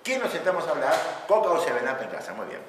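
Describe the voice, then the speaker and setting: Brief: male lecturer, very expressive pitch, distant mic in a reverberant hall with background noise. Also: quick pace. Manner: animated, acts out shouting examples, laughs often. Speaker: lecturer on couples' communication. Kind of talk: lively classroom lecture.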